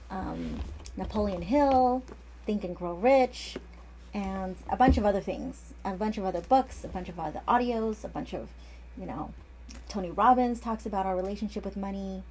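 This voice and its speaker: A woman acupuncturist in her 40s talks through a relaxed lesson, wandering off on tangents and restarting frequently. Her voice is medium in pitch and a little mellow, with a bit of hiss or hum in the recording.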